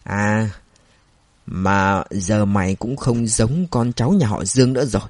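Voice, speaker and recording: A man voicing an angry, drunken older father who berates his son loudly and with slurred words. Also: fairly low pitch, a little slow, no room sound. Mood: scornful berating.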